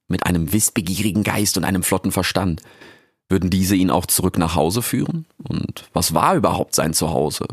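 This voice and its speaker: A man reading a children's adventure story aloud in an expressive storytelling manner. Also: sits low, dry recording, studio quality. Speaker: narrator. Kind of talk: audiobook narration.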